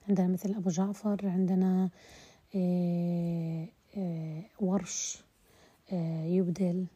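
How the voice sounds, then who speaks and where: A woman giving a voice-message lesson on Quran recitation terms, explaining slowly with hesitations and drawn-out example words. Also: lowish voice, mellow, breathy edge.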